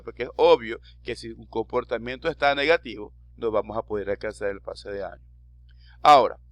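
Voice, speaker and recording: A man's voice: medium pitch, a bit bright, no room sound. A male teacher giving a recorded grammar lesson to students, quizzing them and using dramatic voice inflections, with a Latin American Spanish accent.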